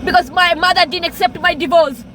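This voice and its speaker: A woman in her thirties with a very high, sharply bright voice, speaking into a phone from a parked car. She unloads a raw, pleading confession and hammers her points with repetition. A faint hum of traffic sits behind her. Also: fairly even intonation, brisk, rough recording. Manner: raw, pleading, repeats phrases for emphasis; mixes in Hindi phrases. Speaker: vlogger. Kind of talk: emotional confessional monologue.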